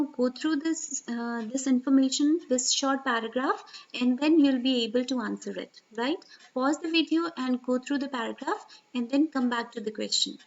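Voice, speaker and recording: High-voiced woman tutoring exam strategy. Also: lo-fi sound. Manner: steady teacherly explaining, frequent "right?" check-ins. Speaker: IELTS tutor. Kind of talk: explaining an exam reading strategy.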